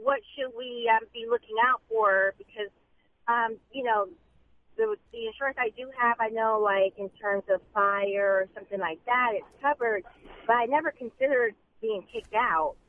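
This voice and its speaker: A woman calling in to a radio talk show over the phone, asking halting, hesitant questions. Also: fairly high pitch, slight background noise. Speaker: caller. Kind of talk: call-in radio chat. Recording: tinny phone line.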